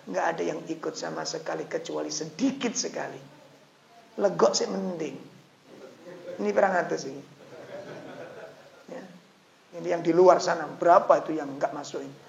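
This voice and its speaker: A man preaching an animated, joking sermon to an audience in a lecture hall. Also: a little high, normal speed, vocal fry, pauses often. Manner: animated, joking, switching into local dialect. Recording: echoey, slightly dull lecture recording.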